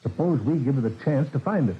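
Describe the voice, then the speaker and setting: A jittery theater manager frets in a husky, animated voice. The recording has the thin, phone-like sound of old radio. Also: male voice, mid-range voice, fast. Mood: fretful. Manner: fretful, talkative. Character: nervous fretful male theater manager. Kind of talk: 1940s radio acting. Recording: tinny old radio broadcast.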